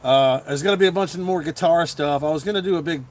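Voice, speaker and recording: A middle-aged man hosting a casual livestream chat as a comedian, rambling with lots of fillers and quick chuckles. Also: on the high side. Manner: chuckling, full of fillers and restarts.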